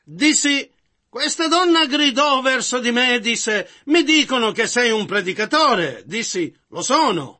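A man with a very high voice and an intensely bright, sharp tone interprets a sermon, rendering each of the preacher's phrases in a measured, steady delivery.

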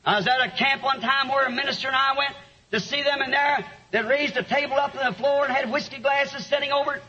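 A preacher with a very high, bright voice, telling stories that climb into shouted lines. The sermon was recorded lo-fi, so the sound is muffled and dull. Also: male voice, fairly even intonation, a little fast. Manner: storytelling, rising to shouts. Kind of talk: sermon with an interpreter.

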